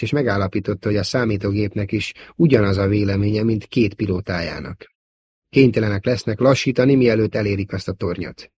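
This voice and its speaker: A man reading a novel aloud as an audiobook narrator, measured and steady. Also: on the low side, breathy edge, dry recording. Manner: measured storytelling. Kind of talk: scripted narration.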